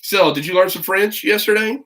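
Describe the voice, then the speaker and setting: Speaking quickly in a high, fairly bright voice, this middle-aged man from the United States runs a relaxed livestream from a home setup, chatting loosely with viewers and a child. He's the host and a teacher who reads stories aloud. A little background noise can be heard.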